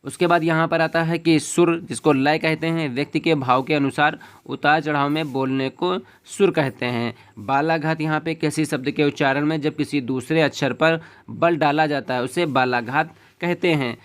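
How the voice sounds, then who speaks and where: A man's voice: on the high side, fairly even intonation, normal speed, clean tone. A man teaching an exam-prep lesson in a step-by-step way, checking in with a short "okay" after each point.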